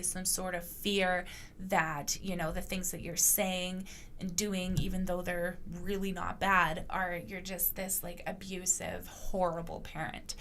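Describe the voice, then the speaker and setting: Young adult woman, podcast host, frank and profane, gravelly edge, casual rambling delivery. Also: lowish voice, fairly bright tone, a little hiss or hum. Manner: candid, blunt, swears freely, rambling with many fillers. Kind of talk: casual monologue.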